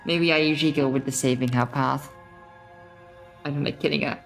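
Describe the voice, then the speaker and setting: A woman's voice: rumbling low, steady tone, fairly quick, vocal fry, soft background music. A woman chatting casually as a livestreamer while voice acting a game. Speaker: streamer voicing a game.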